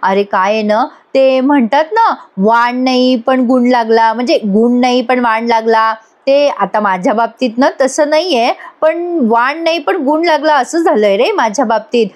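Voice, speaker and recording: A sly young wife, sweetly mocking and always teasing, as a woman recapping a serial puts her on. She draws her lines out slowly with a playful, knowing lilt, set a little above a plain speaking voice. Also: on the high side, natural voice.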